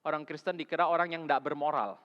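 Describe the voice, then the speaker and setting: Male preacher, slightly high voice, casual sermon with loud-to-soft swings, long church reverb, muffled lo-fi sound. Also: steady tone, fast talker. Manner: colloquial, swings between loud emphasis and soft asides. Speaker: vicar preaching. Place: church sanctuary. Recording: echoey hall, dull lo-fi sound.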